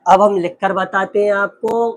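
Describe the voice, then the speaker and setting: A man's voice: high-pitched, fairly even intonation, a little slow. A man teaching a patient lesson, sounding out letters one by one and explaining with rhetorical questions. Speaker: Urdu teacher. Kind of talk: slow, patient classroom lesson.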